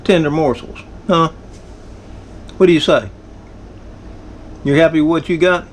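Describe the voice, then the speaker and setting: A man's voice: fairly high pitch, fairly even intonation, measured pace, slight background noise, rough recording. A man with a Southern US accent hosting a casual home cooking vlog, folksy and exclamatory as he savors his food. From Southern United States. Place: home kitchen.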